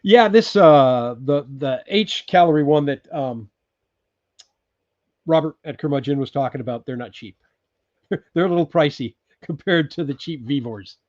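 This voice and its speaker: This sixties-aged host from California talks through viewer comments on a relaxed livestream from his off-grid cabin, full of ums and false starts. He speaks a little slowly in a fairly high, somewhat dark voice with lively intonation; the audio has no room sound and lacks high frequencies.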